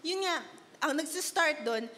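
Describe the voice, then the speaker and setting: High-voiced woman preaching in a reverberant hall. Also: animated, moderate pace, a bit bright. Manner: chatty, rhetorical questions, mixing Filipino and English. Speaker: youth worship speaker. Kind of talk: conversational sermon.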